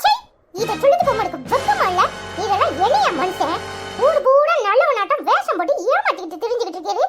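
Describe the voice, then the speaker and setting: A performer puts on a cocky young village man in a cartoon comedy, speaking with a Tirunelveli Tamil accent. His voice is pushed very high and swoops all over as he jeers and dares the other side. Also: sing-song, quick pace, music in the background. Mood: defiant. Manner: taunting, jeering.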